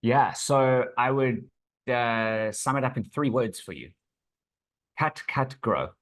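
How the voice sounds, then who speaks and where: A man's voice: mid-range voice, lively intonation, slow, fairly bright tone. A man with a South African accent, giving conversational business advice as a guest in an assured, instructive way. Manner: assured, instructive, checks in with "right". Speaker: business consultant, podcast guest.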